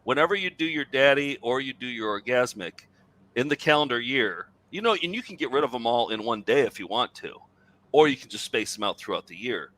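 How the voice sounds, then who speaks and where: Bright-voiced male comedy co-host. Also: medium pitch, animated, fairly quick. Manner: playful, laughing, explains bits at length. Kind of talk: comedic banter.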